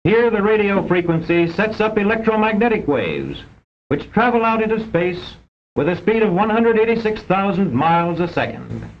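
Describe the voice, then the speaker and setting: This narrator is very animated and keeps a moderate pace as he delivers the script of an old educational film with formal, exact, teacherly precision. The vintage soundtrack is dull and rumbles underneath him.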